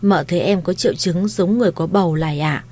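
Brief: shrewd but kind house mistress, soft and coaxing, low-pitched, read by a woman narrator. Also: fairly quick, lightly acted. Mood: gentle coaxing. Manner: gentle, coaxing, reassuring.

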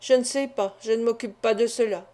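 A woman's voice: on the high side, fairly quick, mellow, close to an everyday voice. A woman reading a grave, grieving father. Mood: grave insistence. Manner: grave and resolute, with restrained anguish. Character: anguished honourable middle-aged father. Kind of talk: audiobook character reading.

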